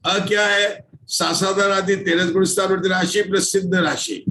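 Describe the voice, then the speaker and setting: High-voiced man teaching a scripture class. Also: a bit bright, reverberant, slight background noise, low-quality recording. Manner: patient, checks often that all follow.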